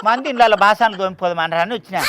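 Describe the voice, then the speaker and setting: A man playing a fierce village mother who scolds and threatens loudly, with a Telangana Telugu accent. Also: high voice, fast, noisy background, lightly acted. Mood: scolding. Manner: shouting threats and curses. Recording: loud background music.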